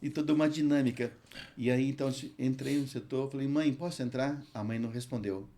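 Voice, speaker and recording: A man with a Brazilian Portuguese accent, a hospital chaplain and pastor, tells an earnest testimony in an interview and recites scripture slowly. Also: mid-range voice, steady tone, mellow. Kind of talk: emotional testimony in a podcast interview.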